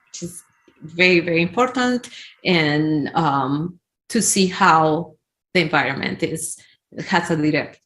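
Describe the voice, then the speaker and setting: A middle-aged woman from Colombia with a Colombian Spanish accent, a native Spanish speaker, speaking in a casual video-call interview from her home, laughing often and gesturing as she talks. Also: lowish voice. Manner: warm, laughs often, uses expressive hand gestures. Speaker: guest. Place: home room with brick wall and plants. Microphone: video call webcam.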